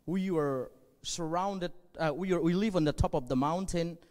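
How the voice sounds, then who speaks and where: A man in his forties, a native Zomi speaker, preaching on a church stage into a handheld mic. His voice sits a little high for a man, and he speaks in an earnest, measured way with frequent pauses. A long reverb trails each phrase through the hall. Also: darkish tone. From northwest Burma. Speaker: pastor. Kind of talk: sermon.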